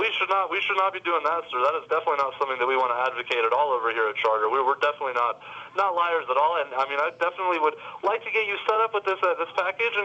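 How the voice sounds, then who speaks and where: A man selling cable over a dull, muffled phone line, speaking fast in a high, bright voice. He is polite and stumbles over his words, repeating sir throughout. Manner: polite, stammering, keeps saying sir. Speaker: cable sales rep. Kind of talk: sales phone call.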